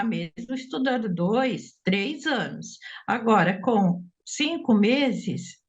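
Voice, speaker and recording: An older woman with a Brazilian accent gives a candid testimonial, speaking haltingly. Her pitch moves expressively. The clip sounds dull and lo-fi. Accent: Brazilian Portuguese. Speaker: student giving a testimonial.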